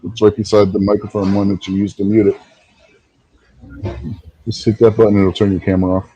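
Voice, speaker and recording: Helpful, chatty man with a mellow voice. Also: fairly low pitch, little pitch movement, fairly quick, slightly rough, no room sound, poor audio. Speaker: fellow streamer and guest. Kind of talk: casual chat, explaining step by step. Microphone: online voice chat.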